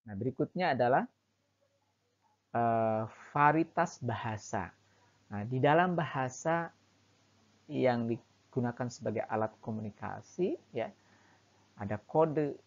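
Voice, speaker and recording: Man lecturing, dull lo-fi recording. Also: mid-range voice. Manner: relaxed, many fillers and "nah", acts out examples. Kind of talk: academic lecture. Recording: dull lo-fi sound.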